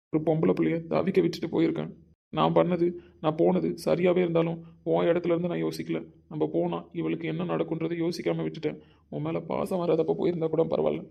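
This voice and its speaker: A man's voice: fairly high pitch, vocal fry, dull audio. A man playing a remorseful young husband who speaks earnestly and apologetically in an amateur audio drama.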